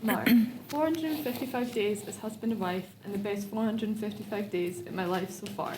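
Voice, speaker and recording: A woman's voice: medium pitch, moderate pace. Nervous woman reading vows in echoey room. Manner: nervous, laughing between lines. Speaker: bride renewing vows. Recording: echoey room with background noise.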